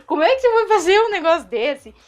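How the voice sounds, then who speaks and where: A stern Brazilian mother with a Brazilian Portuguese accent scolds her grown son in an indignant tone, as a woman puts her on in a story. The voice stays high and close to the storyteller's own. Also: very animated, fast. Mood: scolding.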